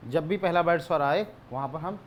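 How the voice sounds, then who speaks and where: A male teacher giving a grammar lesson, asking questions and answering them himself, repeating key words, often clearing his throat. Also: a little high, fairly quick, a little hiss or hum.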